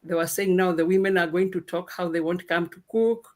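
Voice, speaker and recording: A woman from Kenya speaking on a radio panel, telling her story slowly with many hesitations. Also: lowish voice, little pitch movement, darkish tone. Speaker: guest speaker. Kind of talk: casual panel talk.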